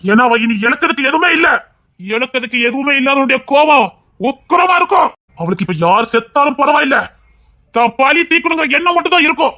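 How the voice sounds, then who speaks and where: A man reading an audio story, voicing a blunt, fiercely loyal royal priest who urges and warns his old friend, rising to loud outbursts. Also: very high voice, a little fast. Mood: warning. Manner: urgent, warning, grows loud.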